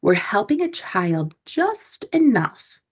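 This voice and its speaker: A woman giving a calm, explanatory webinar presentation to parents and caregivers. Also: mid-range voice, slow pace, slightly rough, dull audio.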